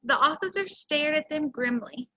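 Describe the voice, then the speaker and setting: A woman's voice: high-pitched, moderate pace, pushed and bright, rough recording. A woman teacher speaking to children in an encouraging way, explaining a lesson and then reading a story aloud. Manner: friendly, encouraging.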